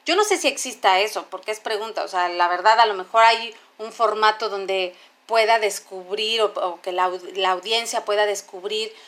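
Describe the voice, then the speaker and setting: A woman hosts the conversation, thinking aloud as she frames her questions. She is reflective and searching, with a medium-pitched voice. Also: normal speed, a bit bright. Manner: thoughtful, searching, with fillers and restarts. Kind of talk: conversational podcast talk.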